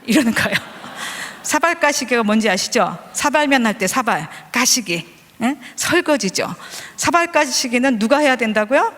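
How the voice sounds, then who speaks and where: A woman's voice: on the high side, lively intonation, normal speed, a bit bright. A woman in her forties preaching a sermon, telling stories with humor and joking with her congregation. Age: 40s. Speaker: preacher, vice principal. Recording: long hall reverb.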